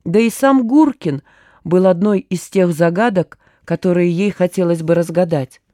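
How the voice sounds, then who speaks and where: Woman reading a story, wry and measured, mellow dark tone, dry close mic. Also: fairly low pitch, dry recording. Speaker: audiobook narrator. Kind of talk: scripted narration.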